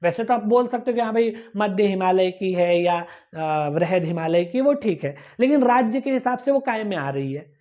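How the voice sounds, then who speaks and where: A woman with a dark-toned, mid-range voice teaches students preparing for an exam, walking them through a map. She is patient and repetitive, often asking "ठीक है ना" to make sure they follow, and the lecture is captured in dull lo-fi sound.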